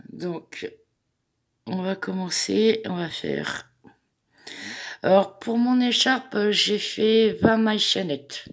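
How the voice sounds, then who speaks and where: Slow and unhurried, a woman hosting a crochet tutorial leads viewers through a pattern stitch by stitch, counting aloud with a chatty, hesitant manner. Her mid-range voice is gravelly-edged and swings widely in pitch.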